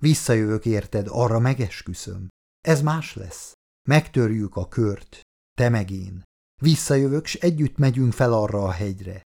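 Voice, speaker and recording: A man reading a fragile, unstable woman in an audiobook, speaking in a hushed, low way. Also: animated, gravelly. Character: fragile, unstable woman confiding secrets to her husband.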